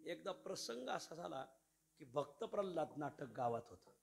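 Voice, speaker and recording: A man preaching a devotional story in a sermon, lively and repeatedly addressing his listeners as Maharaj. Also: on the high side, moderate pace, vocal fry, breathy edge, soft background music. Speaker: kirtan preacher. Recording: musical accompaniment behind voice.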